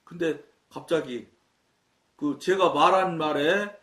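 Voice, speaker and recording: A pastor from Chungcheong, Korea, preaches a sermon in a Chungcheong Korean accent, telling his own story and acting out the dialogue. His voice is on the high side and a bit bright, and he speaks slowly. The recording is from a distant mic in an echoey room.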